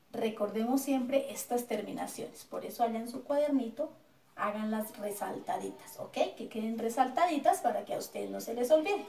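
Colombian lady teacher going over grammar real slow and patient, kinda high voice, sounds far from the mic. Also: darkish tone. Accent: Colombian Spanish. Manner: slow, patient, repeats words and checks with "¿cierto?". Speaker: schoolteacher. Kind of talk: recorded grammar lesson. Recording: echoey room, voice off-mic.

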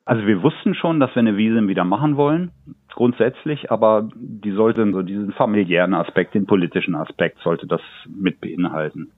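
This game developer, his voice on the low side, speaks fairly quickly in a dry recording that comes through a dull, phone-like line. Talkative in his interview answers, he shares anecdotes about his work and laughs lightly now and then.

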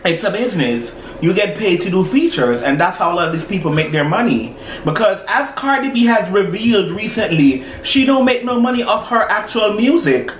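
A man's voice: sits high, sing-song, brisk. A young man chatting casually in slangy, gossipy talk, chewing while talking over a meal. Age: young adult. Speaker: mukbang host. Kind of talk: casual celebrity gossip chat. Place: indoors at a table, dark backdrop. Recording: roomy sound, faint background noise.

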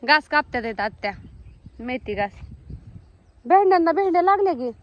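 Chatty high-voiced young village woman. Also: very animated, normal speed, highs cut off. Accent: rural Marathi. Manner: chatty, calls out to animals and family. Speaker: vlogger. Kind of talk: casual farm vlog. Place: outdoors on a village farm.

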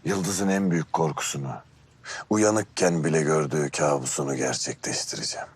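A man's voice: very deep voice, lively intonation, normal speed, husky, exaggerated voice. An actor playing Kuzey, a scheming young man who plots revenge with a teasing manner, in a TV drama. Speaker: lead character. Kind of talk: TV drama dialogue. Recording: TV drama audio with music underneath.

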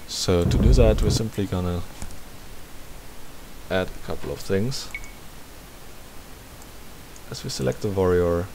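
Low-pitched and unhurried, pausing often, a tutorial host thinks aloud while working through a game in casual commentary. A faint hiss sits in the background of the recording.

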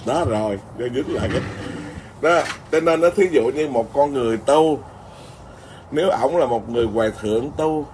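A Buddhist monk, telling a story in an informal, rambling Dharma talk full of restarts. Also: male voice, medium pitch, normal speed, darkish tone, slight background noise. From Vietnam.

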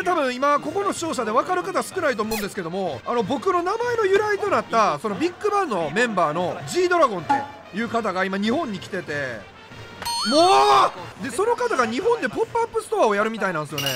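A young man with a Kansai accent commentating his own gameplay, loud and excitable, breaking into rapid repeated exclamations. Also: very high-pitched. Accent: Kansai Japanese. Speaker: game YouTuber. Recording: game music behind the voice.

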